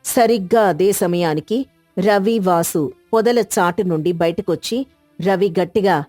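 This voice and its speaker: A woman giving steady, scripted storybook narration. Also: on the low side, unhurried, no room sound, faint music behind.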